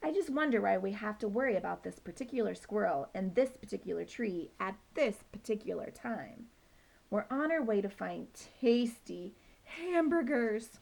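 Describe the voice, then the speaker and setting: Woman voicing a level-headed male dog leader, reasonable and coaxing, storybook reading, a little gravelly. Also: mid-range voice, expressive, moderate pace, darkish tone. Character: calm, patient male dog pack leader. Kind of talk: children's book read-aloud.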